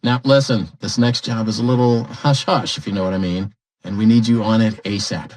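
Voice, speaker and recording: An actor voicing a falsely cheerful corporate dispatcher in a video game, chipper and glib. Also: male voice, on the low side, steady tone, brisk, a little mellow, close to an everyday voice. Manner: chipper, glib, smooth-talking. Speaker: company dispatcher. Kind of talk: scripted video game dialogue.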